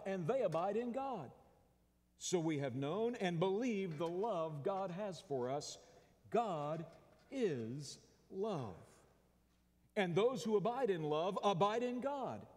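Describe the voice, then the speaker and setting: A pastor with an Oklahoma American accent delivering a folksy, conversational sermon with call-and-response. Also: male voice, on the high side, a little mellow. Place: large church sanctuary. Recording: long church-hall reverb.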